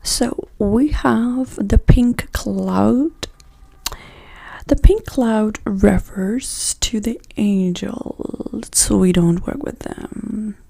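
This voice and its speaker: A woman voicing a cruel, mocking devil in Hell in an ASMR role-play, with a demonic, taunting soft voice. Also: medium pitch, vocal fry, dry recording, exaggerated voice. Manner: demonic soft voice, slow, taunting, foul-mouthed.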